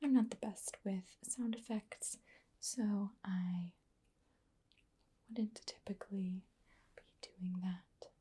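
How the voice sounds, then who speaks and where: A woman whispering softly through an ASMR roleplay, pausing often with fillers as she explains each trigger. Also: medium pitch, steady tone, husky. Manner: soft whispering with frequent fillers. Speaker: ASMR artist.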